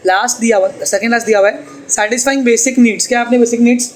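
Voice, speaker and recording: A man's voice: very high-pitched, fast talker, slight background noise, low-quality recording. A man teaching a tuition class, chatty and teasing as he explains. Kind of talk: classroom lecture.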